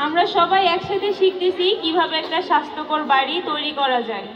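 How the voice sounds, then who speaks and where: A woman's voice: very high voice, fairly quick, distant mic. A woman interpreting live for an audience in short colloquial turns, sometimes rephrasing herself. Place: large room with an audience. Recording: echoey room from afar, muffled, crowd noise.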